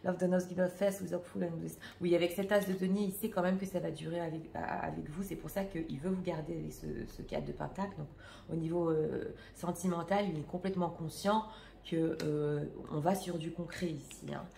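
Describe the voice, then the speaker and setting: A woman's voice: sits low, steady tone, fairly quick, creaky, warm tone, reverberant, slight background noise. A French-speaking woman reading tarot cards for her viewers in a casual, hesitant way, full of fillers and restarts. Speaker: tarot reader.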